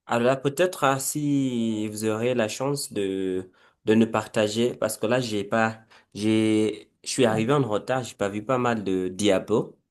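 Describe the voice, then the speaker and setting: A man with a Kenyan accent, a teacher asking a question in an online workshop over a video call, halting and repeating words. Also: fairly low pitch, steady tone, a little mellow, clean tone. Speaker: participating teacher.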